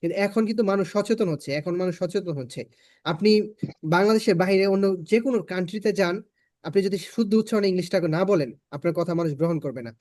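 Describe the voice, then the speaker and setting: A man's voice: sits high, quick pace, a little mellow, dry recording, studio quality. A man with a Bangladeshi Bengali accent teaching an online spoken English class, patiently repeating his points for learners.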